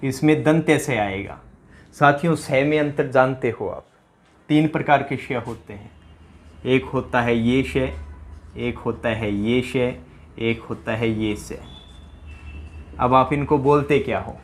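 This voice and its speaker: A man's voice: medium pitch, slow pace, long pauses, a little hiss or hum. A male teacher giving a pronunciation lesson, drilling students with repeated questions. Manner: drills with repeated questions, mimics rural dialect speakers for laughs.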